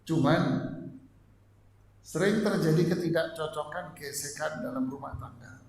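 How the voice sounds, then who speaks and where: A male religious teacher giving a joking, lively marriage lecture to an audience. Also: on the high side, a little slow. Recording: echoey hall, faint ambience.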